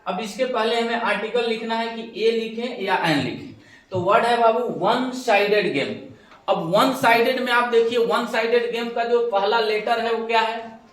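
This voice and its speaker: Very high-pitched and a bit bright, his voice keeps a moderate pace. Teaching English grammar step by step, he fields his own questions and refers to the students as "babu"; the room echoes and he sounds far from the microphone.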